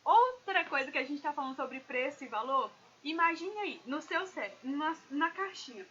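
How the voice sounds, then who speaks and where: Woman, high bright voice, business consultant, live-stream talk, addresses viewers, slightly dull audio, faint ambience. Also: moderate pace. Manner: animated, addresses viewers directly.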